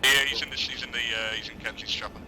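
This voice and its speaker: Man, rapid speech, military radio jargon, casual swearing, game team chat, steady engine noise behind. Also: mid-range voice. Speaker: military game player acting as radio operator.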